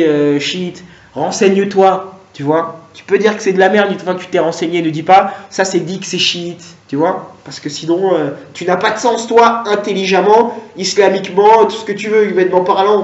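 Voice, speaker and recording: A man's voice: sits high, far from the mic. A male comedian talking casually and rambling, with many fillers and restarts. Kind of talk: casual talk to camera. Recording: roomy, dull lo-fi sound.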